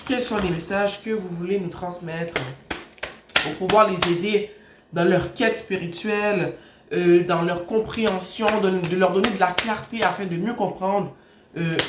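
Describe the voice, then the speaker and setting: A woman doing a casual tarot reading, talking straight to the viewer and softly calling on the universe for messages. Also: fairly low pitch, unhurried. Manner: speaks straight to the viewer, calls on the universe in soft pleas. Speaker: tarot card reader. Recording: echoey room with steady background noise.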